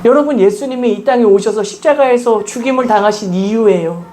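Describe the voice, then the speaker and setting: A woman's voice: a little high, fairly quick, warm tone. A woman pastor giving a sermon at a church service, earnestly telling stories and asking the congregation questions. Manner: addresses the congregation with repeated questions; earnest, emphatic storytelling. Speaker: guest pastor.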